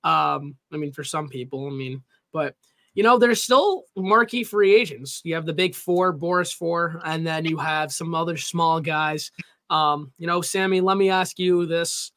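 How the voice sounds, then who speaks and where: A male podcast co-host with a slightly raised pitch talks loosely about sports, full of fillers. The sound is dry and close, with no room around it. His tone stays casual and jokey. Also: a little slow, a bit bright, no room sound.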